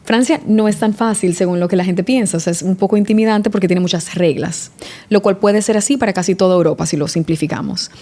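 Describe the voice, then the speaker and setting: A woman from the Dominican Republic, speaking as a sommelier guest on a podcast. Her voice is mellow and warm at an average pitch. She thinks aloud, restarting phrases and filling pauses as she goes. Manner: reflective, restarts often, eh fillers. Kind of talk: casual podcast interview.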